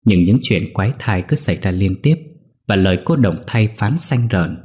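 A man narrates a ghost story in a steady, grave manner. His voice is low and deep, with a dark, mellow tone. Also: moderate pace. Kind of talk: scripted horror story narration.

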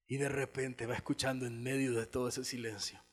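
A man's voice: medium pitch, little pitch movement, brisk, husky. A male pastor from El Salvador, preaching a sermon in a church auditorium and acting out biblical dialogue as he tells the story.

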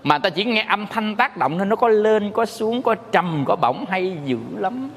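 A man's voice: high-pitched, expressive, measured pace. A Buddhist monk teacher giving a dharma talk, telling stories and playfully singing the tone syllables to make his point. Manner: storytelling, sings tone syllables playfully. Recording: long hall reverb.

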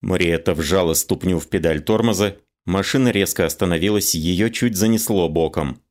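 A man reading a first-person audiobook narration in a wry, even storytelling manner. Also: low voice, normal speed.

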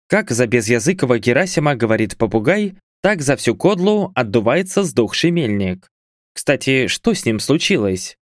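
A man's voice: mid-range voice, no room sound, studio quality. A man reading a first-person fantasy audiobook with wry, conversational asides. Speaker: audiobook narrator.

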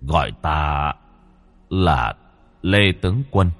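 A man's voice: a bass voice, lively intonation, slow, fairly bright tone, dry recording, soft background music, voice pushed down, full character voice. A man voicing a young man who speaks as a cold, commanding general from past lives.

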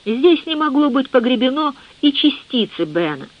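Measured audiobook narrator, dull recording. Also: high voice, sing-song. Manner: measured, literary. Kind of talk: audiobook reading.

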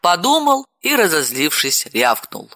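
A man narrating an audiobook with an expressive, dramatic reading. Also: high voice, unhurried, heavy background noise.

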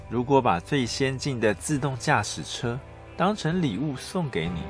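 Hushed man in lively pillow-talk narration. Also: medium pitch. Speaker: podcast host. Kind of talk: hushed, intimate bedtime-style scripted narration.

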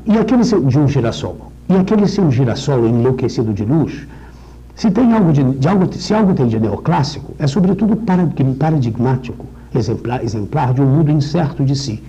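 A middle-aged man teaching a literature class in a husky, mellow voice. He talks in a discursive way, stumbling over restarts, then slows right down to recite lines of verse. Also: mid-range voice, big pitch swings, muffled recording. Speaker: lecturer. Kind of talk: literature lecture with poem readings.

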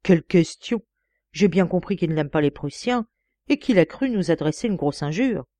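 Old agent, male, gruff, touchy, warm lively voice, put on by a woman. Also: lowish voice, no room sound, lightly acted. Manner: gruff, exclamatory, quick to take offence.

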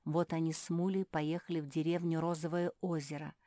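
A woman reading a children's story aloud in a lively, expressive way. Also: deep voice, a little fast, no room sound, studio quality. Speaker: narrator.

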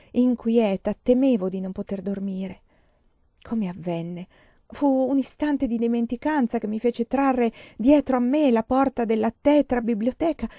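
A woman reads a first-person novel aloud with dramatic expression, her voice climbing in the tense passages. Her tone is mellow and dark, close and dry, and the recording is a little dull. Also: no room sound. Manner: dramatic, rising in pitch at tense moments. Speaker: reader of a novel. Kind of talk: expressive audiobook reading.

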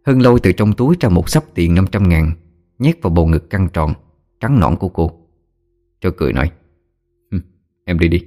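A man narrating a scripted audio story in a steady storytelling manner. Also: low voice, a little fast, soft background music.

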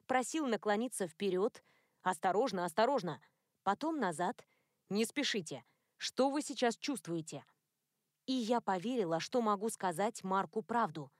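A woman's voice: medium pitch, no echo. Woman narrating an audiobook, dry sound. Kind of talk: first-person audiobook narration.

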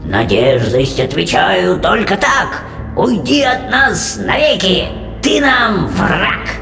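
A man voicing a cruel old witch queen in an audiobook, shrill and snarling. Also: big pitch swings, over music, heavily acted. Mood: menacing chant. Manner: slow, menacing and gravelly. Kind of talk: audiobook character voice.

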